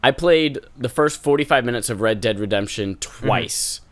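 A man's voice: mid-range voice, animated, a bit bright. A man co-hosting a podcast in casual, joking, sometimes crude talk. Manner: joking, crude, quick bursts. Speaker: podcast co-host. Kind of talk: casual chat.

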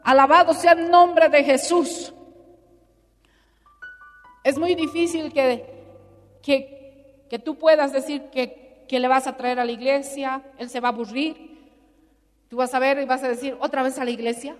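A woman's voice: high-pitched, fairly even intonation, a little slow, long pauses. A woman preaching a sermon with emphatic rhetorical questions, acting out little dialogues. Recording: long hall reverb with faint music.

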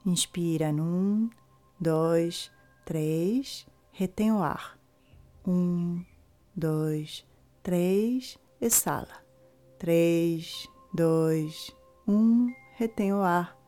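A woman instructor leading a guided breathing meditation, slowly counting breaths with pauses between the numbers. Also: lowish voice, mellow. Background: music.

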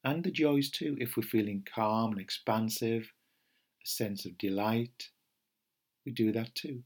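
Soft-spoken man with a husky voice. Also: lowish voice. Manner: gentle, unhurried, pausing with fillers and restarts. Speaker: meditation teacher. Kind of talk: podcast talk before a guided meditation.

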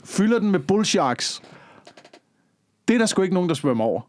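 A man co-hosting a casual podcast, rambling through long stories and swearing freely. His voice sits a little high for a man. The sound is dry and close to the mic, with no room tone. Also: sing-song, dry recording. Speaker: podcast co-host.

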